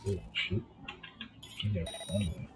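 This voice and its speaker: A man streaming a video game, casually commenting with relaxed, muttered reactions. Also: sits low, slow pace, recorded from a distance, heavy background noise. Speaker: gaming streamer. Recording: loud music in the background.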